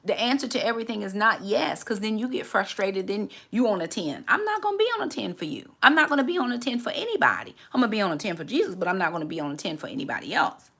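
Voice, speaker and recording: A woman's voice: medium pitch, sing-song, fast talker, creaky, hardly any pauses, a bit bright, breathy edge. A woman in her forties hosting a candid, reflective faith talk, earnest and often repeating words as she gathers her thoughts. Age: 40s.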